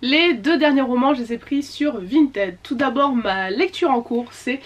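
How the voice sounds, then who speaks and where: A woman's voice: sits high, animated, measured pace. A woman chatting casually about her latest book purchases, with many fillers and self-corrections. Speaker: book vlogger. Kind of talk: casual book haul chat.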